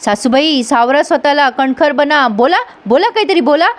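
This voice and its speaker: A woman's voice: sits high, animated, normal speed. Woman playing a defiant young daughter-in-law. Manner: defiant, pleading.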